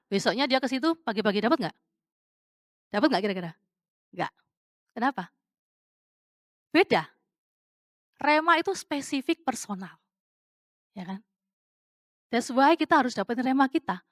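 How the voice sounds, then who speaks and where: A woman preacher with a somewhat high voice gives a relaxed, testimony-style sermon. She talks like she is chatting with friends, slips English words in, and keeps throwing rhetorical questions to the congregation. The sound is close and dry, with no room echo. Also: normal speed, pauses often. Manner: chatty and conversational, with frequent fillers and English words mixed in.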